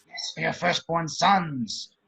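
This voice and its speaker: Vengeful sneering villain: raspy, high-pitched, forceful, theatrical taunts. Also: male voice, slow pace, exaggerated voice. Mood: menacing. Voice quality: gravelly, raspy. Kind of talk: amateur table read of a film script.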